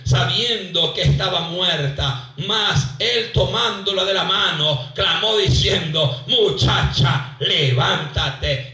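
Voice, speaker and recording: A man's voice: high-pitched, pushed and bright. A man from Venezuela, a pastor preaching a live church sermon with fervor, repeating phrases and calling out to the congregation. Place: church hall. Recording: echoey hall, voice from far off.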